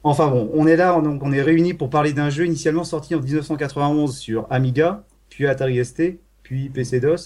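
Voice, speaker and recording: A man's voice: fairly high pitch, fairly even intonation, fast, few pauses, a little mellow. A man hosting a casual retro gaming podcast, wry and steering the talk between his co-hosts. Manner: enumerating, wry, steering the discussion. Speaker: podcast host.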